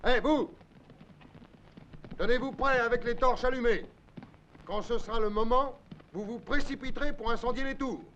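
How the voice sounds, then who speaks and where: An actor in a dubbed adventure film playing an urgent medieval officer giving commanding orders to soldiers. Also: male voice, very high-pitched, normal speed, pauses often, a bit bright. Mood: firm, commanding. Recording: dull old film soundtrack, crowd, noise.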